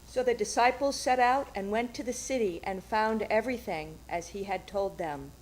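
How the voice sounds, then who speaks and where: A woman's voice: medium pitch, moderate pace, a little hiss or hum, rough recording. A woman reading gospel verses formally at a church service. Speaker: scripture reader at a Good Friday service.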